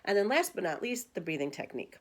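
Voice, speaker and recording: Woman, meditation teacher, casual instructional talk, counts breaths aloud, relaxed everyday tone. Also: medium pitch, fast. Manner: chatty, guiding with counts and cues. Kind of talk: casual spoken meditation lesson.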